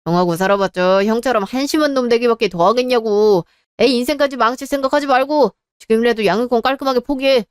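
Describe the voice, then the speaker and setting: An indignant younger husband who fires back argument after argument in an exasperated tone, voiced by a woman reading a dramatized story. The voice is smooth and clear, a bit raised in pitch, and recorded dry and close. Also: fast, hardly any pauses, no room sound, close to an everyday voice. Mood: accusing. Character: indignant younger married man standing up to family.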